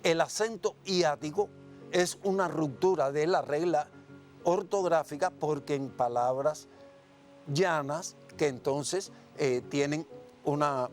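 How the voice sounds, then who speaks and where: A man from Cuba teaching a televised classroom lesson, explaining slowly and asking and answering his own questions. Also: on the high side, a little mellow.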